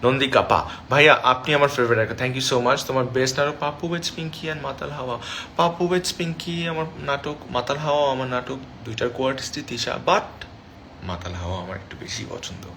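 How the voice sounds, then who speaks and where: A young man, an actor, reads fan comments aloud and answers them in a casual livestream from his room, recorded on a phone with slight background noise. His mid-range voice is bright and forceful at normal speed, and he chats freely, mixing English phrases into his talk.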